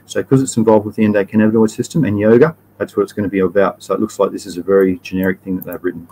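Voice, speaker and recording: A man's voice: on the low side, little pitch movement, very fast, dark tone, a little hiss or hum, rough recording. An Australian man hosting a live stream, chatting casually in a rambling, slangy way and often correcting himself mid-sentence.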